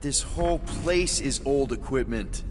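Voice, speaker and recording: A man's voice: mid-range voice, lively intonation, measured pace, very noisy, lightly acted. A man voicing a cocky, wisecracking space adventurer in a video game, with casual, sarcastic banter. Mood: wry, casual.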